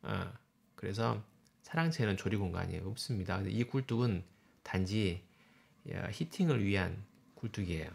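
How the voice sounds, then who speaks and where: A male professor lecturing to a class. His voice is low and gravelly, with a creaky edge. He walks through slides in short explanatory phrases, pointing things out as he goes. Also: moderate pace. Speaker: university professor.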